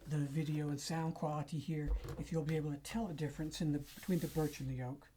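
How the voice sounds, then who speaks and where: A woman demonstrating a cajon she builds, explaining it in an unhurried, casual way with pauses and fillers. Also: low voice, fairly even intonation. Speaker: cajon maker demonstrating an instrument. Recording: cajon drumming between and under the speech.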